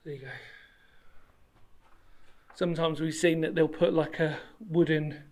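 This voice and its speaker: Holding the camera at arm's length, a vlogger in his thirties with a slightly raised voice strolls through woodland and a sandstone cave, talking about the history of the place. He rambles with warm enthusiasm and catches and corrects himself mid-sentence, obviously happy to be there. Even so, his delivery is flat and his pace unhurried.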